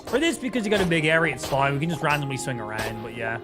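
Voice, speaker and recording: A man's voice: fairly high pitch, very animated, very fast. A man livestreaming a game with casual, sweary, easygoing chat, his speech slightly impeded as if half his mouth is numb. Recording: music behind the voice. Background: music.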